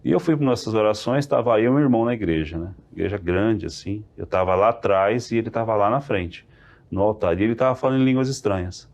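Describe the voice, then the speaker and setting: A man, a podcast guest telling a religious testimony in an animated way, acting out the dialogue. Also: lowish voice, fast talker. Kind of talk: testimony storytelling.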